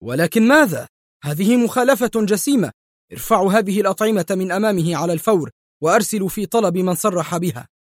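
A man voicing an angry male hospital doctor who shouts in sharp, indignant outbursts. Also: fairly high pitch, sing-song, moderate pace, breathy edge, no echo, studio quality, voice pushed up. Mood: furious.

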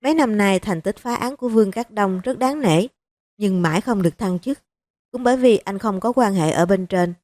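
Woman, audiobook narrator, steady storytelling, mellow warm tone, dry close recording. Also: medium pitch, normal speed, no echo. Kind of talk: scripted novel narration.

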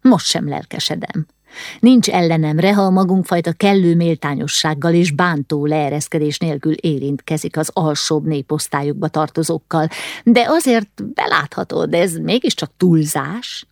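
A woman's voice: deep voice, gravelly, a little mellow, no echo, studio quality. A woman voicing a haughty, fussy aristocratic mother who is condescending and easily alarmed, in an audiobook reading.

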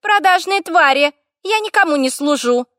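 Woman voicing a creaky shrill fire sprite. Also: animated, normal speed, fairly bright tone, dry recording, studio quality. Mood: indignant. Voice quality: creaky, grating. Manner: screechy, quarrelsome outbursts. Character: tiny female fire elemental, jealous, shrill and snappish. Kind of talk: audiobook character voice.

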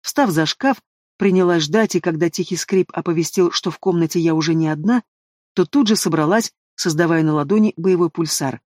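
A man narrating a first-person fantasy audiobook with an expressive, dramatic reading, recorded close to the microphone. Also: fairly high pitch, brisk, dry recording.

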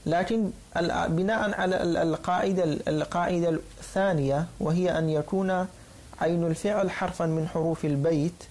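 A man teaching a class, repeating each form slowly and checking that his students follow. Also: on the high side, fairly even intonation, a little mellow. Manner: patient, repeats and drills forms, checks understanding; halting restarts while explaining. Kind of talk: classroom lecture.

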